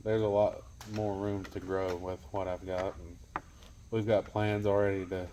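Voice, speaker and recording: Low-voiced racer, blunt. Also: male voice, flat delivery, measured pace, mellow, slight background noise. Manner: blunt, confident, lots of "I mean". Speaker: drag racer. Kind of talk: casual post-race chat.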